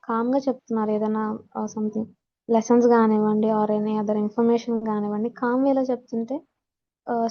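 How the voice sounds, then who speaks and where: Her voice sits a little high with a dark tone, and the audio is dull. She's a Telugu-accented woman giving an instructional lecture, code-switching into English for terms and reading notes out as she explains.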